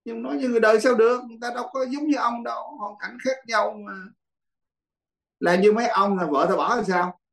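Blunt high-voiced monk teaching dharma. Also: male voice, fairly quick, creaky, a bit bright, poor audio. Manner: blunt, teasing, laughs often. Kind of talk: Buddhist dharma class.

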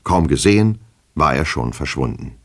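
Deep gravelly male storyteller. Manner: measured, expressive storytelling. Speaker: reader. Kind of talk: literary audiobook reading.

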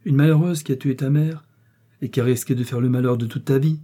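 A man reading an audiobook, voicing a proud aristocratic prince who speaks softly with concern. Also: mid-range voice, fairly even intonation, fairly quick, voice pushed up, close to an everyday voice. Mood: tender concern. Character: proud aristocratic prince, tender with his wife.

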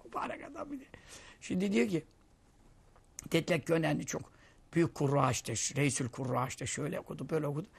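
A man with a high, gravelly voice gives a relaxed religious lesson in speech. He tells stories and mimics the people he quotes, jumping in pitch and loudness as he goes. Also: quick pace, long pauses. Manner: storytelling, acting out quoted voices, lively swings in pitch and loudness. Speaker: Islamic preacher teaching hadith. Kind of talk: conversational religious lesson with anecdotes.

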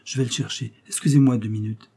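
A man voicing an excitable Italian male host who pleads agitatedly and turns furious, in a storybook reading. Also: medium pitch, quick pace, gravelly, breathy edge. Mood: effusive.

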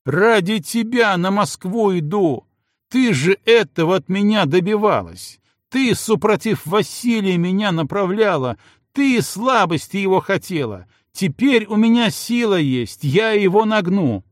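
A man's voice: sits high, expressive, a little slow, dry recording, studio quality, voice pushed up. A man voicing a bewildered husband and warlord who pleads with his furious wife. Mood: pleading. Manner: pleading, exasperated.

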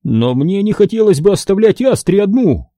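A man's voice: sits high, sing-song, normal speed, mellow, dry recording, clean studio sound, pitched above the performer's own voice. A man voicing an easygoing, chatty older café owner, wheedling and jokey, in an audiobook. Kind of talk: audiobook character voice.

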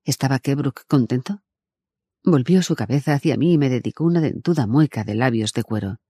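A man reading an audiobook in an even, measured narrating voice. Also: medium pitch, breathy edge, no room sound, studio quality.

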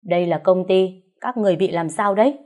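Woman reading a stern, curt husband, scolding, lowish mellow voice, audiobook. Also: brisk, natural voice. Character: stern irritable husband and boss.

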